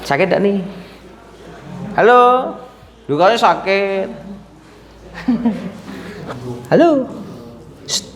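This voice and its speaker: A man's voice: high voice, sing-song, takes it slowly, pauses often. A man working as a sports injury masseur, teasing and laughing as he questions a patient during a treatment demo. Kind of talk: treatment demo with talk to camera.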